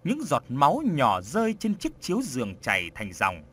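Husky, expressive male storyteller. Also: medium pitch, moderate pace. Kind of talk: audiobook horror story narration.

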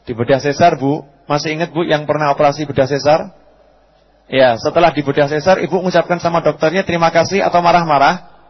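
Husky-voiced man preaching a lively sermon. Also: a little high, fast talker, muffled recording. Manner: lively storytelling sermon, acting out quotes, asking the audience questions.

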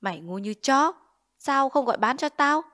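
Woman doing a male village chief, greedy, bullying, sneering, loud. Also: mid-range voice, moderate pace, close to an everyday voice. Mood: menacing. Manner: blustering, sneering, extorting.

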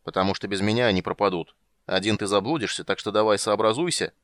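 A man's voice: lowish voice, fairly even intonation, fast talker, a bit bright, dry recording, studio quality, natural voice. A man voicing an eccentric, absent-minded old male wizard who mutters and scolds in a fussy way. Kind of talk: audiobook reading.

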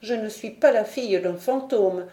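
A woman's voice: mid-range voice, lively intonation, normal speed, warm tone, close to an everyday voice. A woman reading a storybook, voicing a proud, mocking ten-year-old noble girl in a slightly raised voice. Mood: haughty. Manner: mocking, haughty, curt. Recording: roomy echo.

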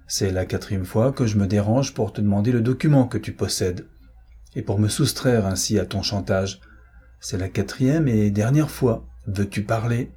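A man's voice: on the low side, moderate pace, dark tone, slightly rough. A man voicing a cruel middle-aged marquis who commands harshly in an audiobook reading. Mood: cold menacing. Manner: harsh, commanding, increasingly frantic.

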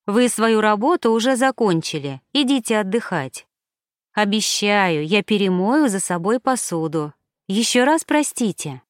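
A woman reading an audiobook, voicing a cheerful, playful and stubborn young noble lady in a bright, lightly teasing way. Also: mid-range voice, lively intonation, unhurried, no room sound, clean studio sound, natural voice.

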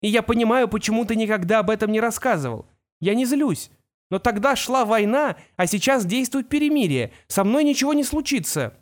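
A man's voice: high voice, animated, brisk, voice pushed up. A man voicing an anxious, defiant teenage boy who is an apprentice wizard, speaking earnestly in a raised, pleading tone for an audiobook. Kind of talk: audiobook character voice.

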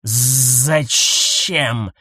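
A man voicing a boastful, suspicious male alien snake with a slow, drawling, hissing delivery. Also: a little high, expressive, no echo, heavily acted. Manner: drawling and hissing, swings to outraged yelling.

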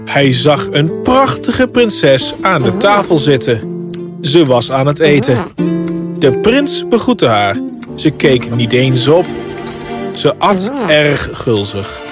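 A man's voice: fairly high pitch, sing-song, slow, over music. A man reading a scripted fairy tale as a storybook narrator.

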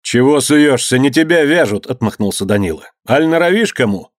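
A man's voice: mid-range voice, normal speed, darkish tone, no echo, clean studio sound, voice pushed up, natural voice. A man voicing a stern young master who speaks harshly and gives commands in an old-time storybook tale. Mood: shouting.

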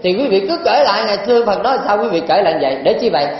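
A man's voice: high-pitched, very animated, racing. A male monk with a Southern Vietnamese accent gives a folksy, teasing dharma talk and keeps putting questions to the audience, in a very echoey temple hall. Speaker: Buddhist monk teacher. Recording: very echoey hall, dull lo-fi sound, faint noise.

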